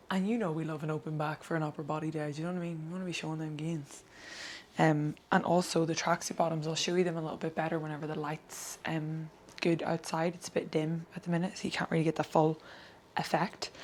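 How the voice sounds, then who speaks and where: Low-pitched chatty woman vlogger. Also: a little hiss or hum. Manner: chatty, informal, slangy. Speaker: fitness vlogger. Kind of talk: casual vlog chat.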